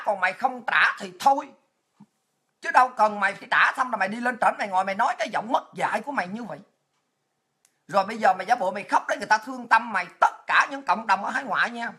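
A woman's voice: medium pitch, sharp tone, husky. A woman with a Southern Vietnamese accent, delivering an angry, profane political rant as an online commentator. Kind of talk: ranting online monologue.

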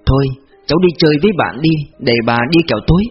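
A man voicing a grieving old grandmother, gentle and resigned, speaking softly and pleadingly. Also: on the high side, animated, fast, breathy edge. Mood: tender. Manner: soft and pleading. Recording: dull lo-fi audio with faint music.

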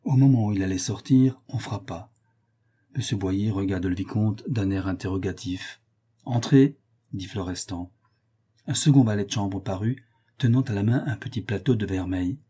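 Male audiobook narrator, low pitch, dark tone, husky, measured classic novel reading. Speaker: audiobook reader.

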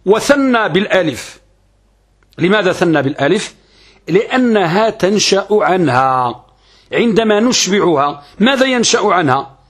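A man's voice: sits high, big pitch swings, moderate pace, pauses often, slightly rough. A man with a Moroccan accent teaching Arabic grammar in a classroom lesson, asking and answering his own questions and repeating key terms.

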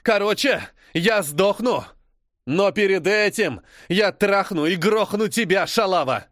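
A man voicing a vicious male British spy with a shrill, squealing voice and a British accent, snarling crude threats. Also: expressive, a little slow, a bit bright, dry recording, clean studio sound. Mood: panicked, furious. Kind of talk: audiobook character voice.

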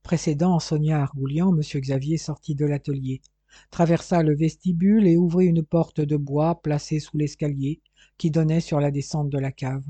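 A male audiobook narrator reads in a measured, steady way. His voice is dark and mellow, pitched somewhat high for a man, and recorded dry and close. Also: no room sound. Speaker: audiobook reader. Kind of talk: scripted narration.

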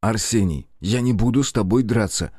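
Man voicing a firm young gentleman. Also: fairly low pitch, normal speed, dry recording, clean studio sound, lightly acted. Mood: stern. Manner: firm and curt. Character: calm young gentleman losing patience.

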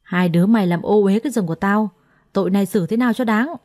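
A woman voicing a quick-tempered young master who barks curt, scolding orders in a storybook reading. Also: mid-range voice, a little mellow, no room sound, studio quality, natural voice. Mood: angry.

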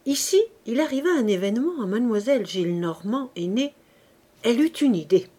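A woman reading a classic novel aloud as an audiobook, in a measured, expressive style. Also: on the high side. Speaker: audiobook reader. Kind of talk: literary audiobook narration.

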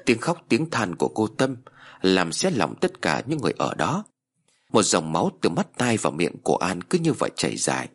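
Low, somber male horror storyteller. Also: wildly swooping pitch, moderate pace, slightly rough. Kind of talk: first-person horror story narration.

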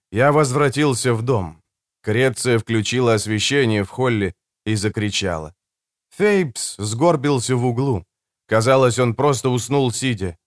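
Man with a lively, dramatic narration. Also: mid-range voice, dry recording, clean studio sound. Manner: dramatic, tense storytelling. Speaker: audiobook narrator. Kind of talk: first-person audiobook narration.

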